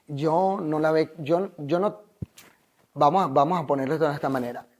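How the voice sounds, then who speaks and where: A man's voice: a little high, moderate pace. A Venezuelan man, a life coach, telling his story in an interview in an earnest, emphatic, motivational way.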